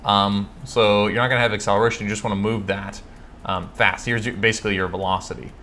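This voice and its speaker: Low-voiced man thinking aloud while coding. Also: flat delivery, sharp tone, slight background noise. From California. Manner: chatty, thinks aloud, frequent fillers and self-corrections; reads code aloud slowly while typing. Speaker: livestream host answering coding questions. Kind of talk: casual live coding stream.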